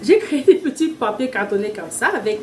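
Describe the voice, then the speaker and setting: A woman, a parent teaching her child to read at home, explaining in an informal tutorial and slowly sounding out letters and syllables. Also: mid-range voice, expressive, slight background noise. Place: at home with a small child nearby. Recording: echoey room, mic far off, faint ambience.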